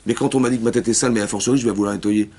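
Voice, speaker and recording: A man, a rabbi, teaching a Torah class for women, talking rapidly and repeating himself, often checking that his listeners have understood and acting out little dialogues. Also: lowish voice, fairly even intonation, darkish tone. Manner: acts out dialogues within his explanations.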